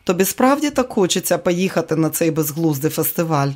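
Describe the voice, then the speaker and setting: A male audiobook narrator voices a weary, wry aging comedian, a famous and tired man joking with his wife. His delivery is animated and brisk, with a voice on the high side.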